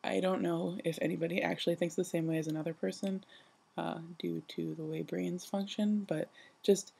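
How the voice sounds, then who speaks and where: A young adult woman who just woke up, talking in a sleepy, casual vlog style, rambling haltingly and self-deprecatingly with a husky, creaky voice. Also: on the low side, steady tone, warm tone. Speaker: vlogger. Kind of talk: casual personal vlog monologue.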